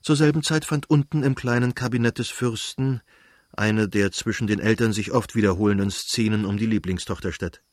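A man calmly reading a novel aloud as an audiobook narrator in a measured way. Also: fairly low pitch, dry recording, studio quality. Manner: calm, measured storytelling.

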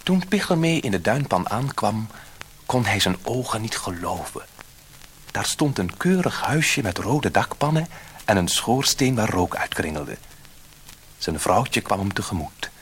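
A man narrating a children's storybook in a lively, expressive way. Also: on the low side, unhurried, slight background noise.

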